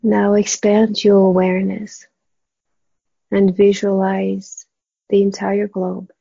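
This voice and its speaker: A woman guiding a meditation in a soft, hushed, spa-like near-whisper, gently and with long pauses, her voice breathy and husky. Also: mid-range voice, completely flat delivery, no echo. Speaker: meditation guide. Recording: dull, muffled, dry close recording.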